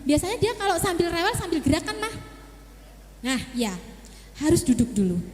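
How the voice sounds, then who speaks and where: A woman with a very high, lively voice gives a parenting seminar, coaching mothers and acting out scenes between parent and child. Her voice rings through a hall with long reverb. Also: moderate pace. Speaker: child psychologist speaker.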